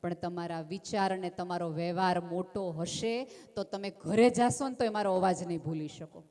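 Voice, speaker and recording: A woman speaking at a community religious festival gives a calm, gentle inspirational talk from a large festival stage, telling stories and intimately calling her listeners friends. Her voice is fairly low and moderately paced, carried by a stage microphone through a PA with the long reverb of a big venue.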